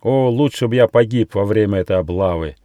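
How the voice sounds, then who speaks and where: A man voicing a proud, bitter female wild dog held captive, speaking slowly and with heavy emphasis. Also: lowish voice, dark tone, no echo, close to an everyday voice. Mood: mournful. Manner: scornful, slow and emphatic.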